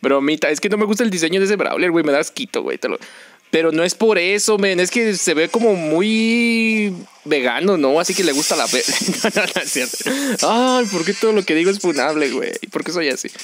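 A young man with a Mexican accent, doing excitable, joking commentary while playing a game with friends. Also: high voice, fairly quick, noisy background. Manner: joking, excitable, teasing teammates. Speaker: gaming streamer. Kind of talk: casual gameplay commentary.

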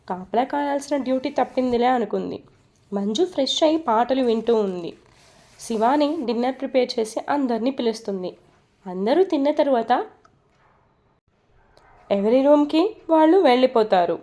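Steady, mellow woman storyteller. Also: high voice, normal speed, pauses often. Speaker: narrator. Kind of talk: storytelling narration.

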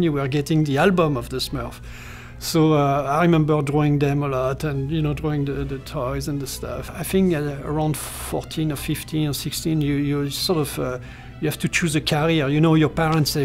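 A man's voice: a little high, creaky. A middle-aged man from France with a French accent, talking hesitantly in a seated interview, with many fillers and restarts. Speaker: character designer. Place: indoor studio room.

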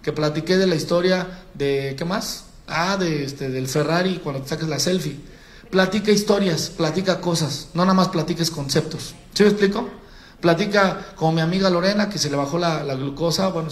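High-voiced Mexican man coaching on stage. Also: a little fast. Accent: Mexican Spanish. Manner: colloquial, addresses audience as compadre, demonstrates by acting out. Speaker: sales trainer. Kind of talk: live public-speaking training. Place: event hall on stage. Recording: echoey event hall.

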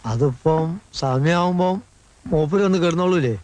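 A man's voice: fairly high pitch, a little slow, a little mellow, no echo, natural voice. A man playing a fussy, nervous servant. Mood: grumbling. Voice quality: fussy and anxious, secretive. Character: fussy, nervous male servant who gossips. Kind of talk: 1980s film acting.

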